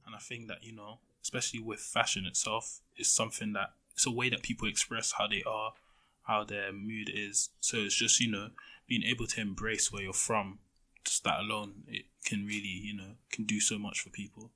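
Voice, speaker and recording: Male, teens, low flat delivery, student panelist, filler-heavy casual talk. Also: moderate pace. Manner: relaxed, many "you know" fillers. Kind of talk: casual discussion.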